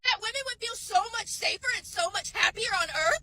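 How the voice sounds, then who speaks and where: A woman ranting furiously into the camera, shouting and swearing. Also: extremely high pitch, animated, fairly quick, noisy background. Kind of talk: ranting video.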